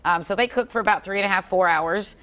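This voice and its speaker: A woman's voice: medium pitch, fast talker, sharp tone. A woman, a barbecue vendor chatting on live TV, sassy and playful as she talks food. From Texas. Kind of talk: casual chat on live TV. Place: outdoors at a festival food stand.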